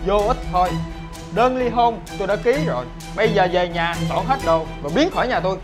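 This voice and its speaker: A man's voice: high voice, fairly quick, lightly acted. A man playing a stern, betrayed young husband who speaks bluntly and accusingly, with music behind. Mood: cold. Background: background music.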